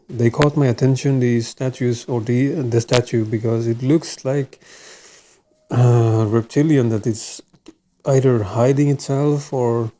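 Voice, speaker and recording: A Swedish man hosts his own video channel, talking casually to camera in Swedish-accented English. His dark voice sits at an ordinary middle pitch, and his unscripted delivery halts often, full of pauses, "uh"s, and restarted sentences.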